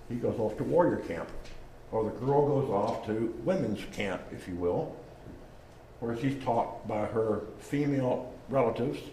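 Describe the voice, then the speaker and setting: A man's voice: medium pitch, warm tone. A man giving an informal lecture, conversational and acting out small exchanges as he explains. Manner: conversational, acts out little dialogues. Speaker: speaker on genealogy and naming. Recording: roomy echo, faint background noise.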